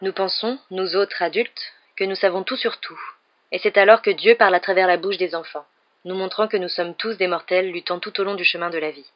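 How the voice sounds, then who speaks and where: A woman radio columnist giving an expressive, mock-earnest comic storybook reading. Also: lowish voice, a little fast, highs cut off.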